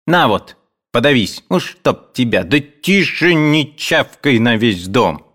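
A man voicing a sharp-tongued woman housekeeper who scolds and snaps. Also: mid-range voice, very animated, slow, voice pushed up, full character voice. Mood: snapping. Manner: scolding, snapping.

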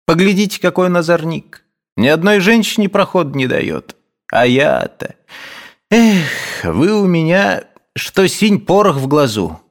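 Guy doing a whiny lovesick servant, voice way up high, begging. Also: sing-song, a little slow. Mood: pleading. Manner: whining, imploring. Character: pleading lovesick male manservant.

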